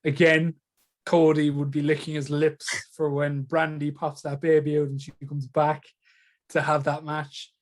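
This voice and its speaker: Higher-voiced man, blunt and emphatic. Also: monotone, measured pace. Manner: blunt, emphatic, repeats himself to make a point. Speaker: podcast co-host. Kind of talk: casual chat.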